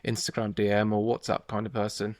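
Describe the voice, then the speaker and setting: A man's voice: on the low side, monotone, fairly quick, darkish tone, no room sound. Chatty British man, dry studio sound. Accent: British English. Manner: chatty, self-deprecating, laughs often. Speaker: podcast co-host, wedding photographer. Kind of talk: casual podcast chat.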